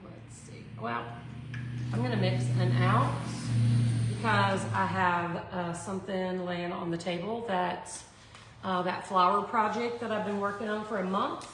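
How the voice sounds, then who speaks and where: A woman's voice: mid-range voice, fairly even intonation, unhurried. Woman chatting in an echoey room. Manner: rambling, thinking aloud. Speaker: host of a live art tutorial. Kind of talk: casual live craft tutorial, chatting with viewers. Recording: echoey room with background noise.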